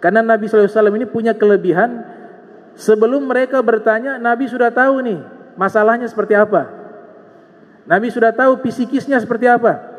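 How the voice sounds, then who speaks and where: A man with an Indonesian accent delivers a sermon in a high, ringing voice. He retells old stories through quoted dialogue and drives points home by repeating phrases. His voice carries a long reverb, as if it is filling a large hall. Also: quick pace. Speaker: preacher.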